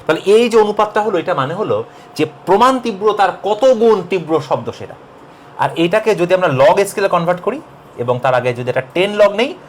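A man's voice: high-pitched, a little hiss or hum. A young man teaching a casual physics lesson, joking and talking straight to the viewers. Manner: lively, jokey, talks to viewers as you. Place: classroom recording.

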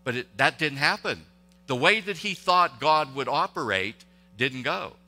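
A male pastor preaching a sermon in a conversational, halting way, with restarts and rhetorical questions. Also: fairly high pitch, expressive, bright, forceful tone. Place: church sanctuary. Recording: long reverb of a church hall.

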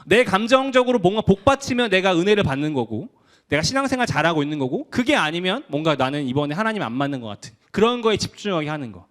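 A man's voice: high-pitched, very animated, fast talker, fairly bright tone. A young man preaching a casual youth sermon, talking conversationally and acting out what teens say. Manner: conversational, acts out quoted voices of teens. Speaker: youth pastor.

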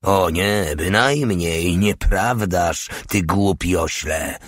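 A man's voice: low voice, unhurried, no room sound, studio quality. A man reading a stern, indignant older male sergeant who lectures reproachfully.

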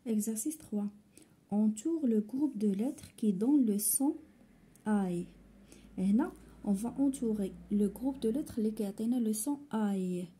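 A woman's voice: fairly high pitch, measured pace, warm tone, breathy edge. A woman with a Moroccan accent teaching a French phonics lesson to young pupils, explaining in Moroccan Arabic and repeating each word twice. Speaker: primary school teacher.

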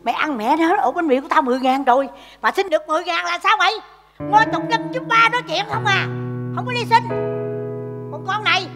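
An actress playing a bossy, scolding mother of beggar children in a stage comedy sketch, shrill and dramatic. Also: fast talker, in a large hall, music in the background.

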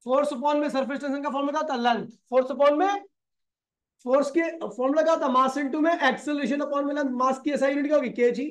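A man's voice: very high-pitched, steady tone, fast talker. A man teaching physics in a classroom lecture. He asks the class questions and answers them himself, calling the students brother and kid.

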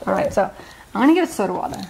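A woman's voice: mid-range voice, very animated, very fast, gravelly, darkish tone, a little hiss or hum. A woman in her twenties bantering in a laid-back, teasing way during a home vlog in an apartment. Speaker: vlogger, co-host. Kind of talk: casual chat. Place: small apartment, indoors.

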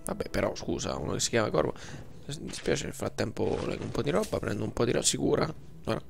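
A man's voice: lowish voice, expressive, quick pace, gravelly. A man giving casual, slangy, joking commentary over gameplay.

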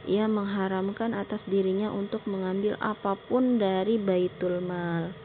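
A woman teacher giving a recorded slideshow lesson, explaining slowly and often pausing on filler words. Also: mid-range voice, steady tone. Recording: tinny phone-like sound with faint noise.

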